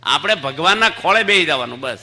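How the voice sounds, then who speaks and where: Bright-voiced preacher. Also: male voice, a little high, expressive, a little fast. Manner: storytelling with voiced characters, asks the audience questions. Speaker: swami giving a religious discourse. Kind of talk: sermon. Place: assembly hall with children in the audience.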